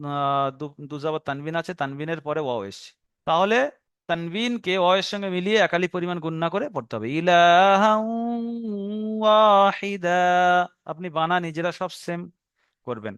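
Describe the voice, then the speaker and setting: A man teaching Quranic reading rules, explaining step by step and slowly drawing out recited words. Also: a little high, a bit bright, clear, resonant tone, no echo, studio quality. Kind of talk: tajweed lesson.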